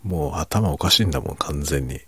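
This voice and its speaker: Very deep, gravelly man murmuring late at night. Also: expressive, fairly quick. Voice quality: hushed low voice, often dropping toward a whisper. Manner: self-deprecating, rambling, chuckling under his breath. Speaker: fiction writer chatting to listeners. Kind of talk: quiet late-night casual monologue for falling asleep.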